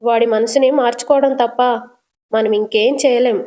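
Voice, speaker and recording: A woman's voice: fairly high pitch, fairly even intonation, normal speed, dark tone, close to an everyday voice. A woman voicing a weary older mother-in-law who speaks in a resigned, bitter way.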